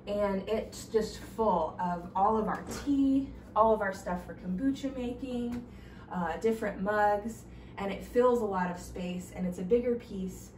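Her voice mid-range, a little slow and a little mellow, a pregnant young stay-at-home mom chats cheerfully while showing off her small home's kitchen, nursery and bathroom in a casual vlog tour. The camera sits a few steps away, giving roomy, slightly distant sound with faint ambience and slight background noise.

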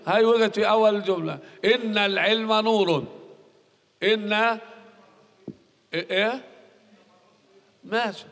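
A man's voice: high-pitched, a bit bright, long reverb tail. A male university lecturer with a Palestinian Arabic accent, teaching grammar in a recorded classroom lecture, repeating key rules and quizzing his students.

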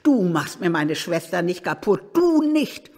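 A man reading aloud and voicing an enraged woman who shouts harshly, in a reverberant hall. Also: sits high, moderate pace, creaky, breathy edge, exaggerated voice. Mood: furious. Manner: loud, raised and harsh.

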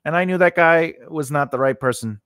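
Sitting close to a large condenser microphone on a boom arm in his small home studio, a man in his forties teaches screenwriting casually. His voice is a little high, a little fast, fairly bright, clear and resonant, recorded dry. He wanders from point to point with frequent "you know" and "right?"

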